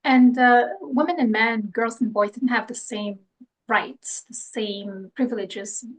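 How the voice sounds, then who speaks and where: A woman's voice: a little high, slow, poor audio. A woman from Morocco in her thirties, a scientist speaking as a podcast guest, talking thoughtfully with frequent fillers and restarts. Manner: hesitant, many restarts and fillers. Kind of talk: conversational interview.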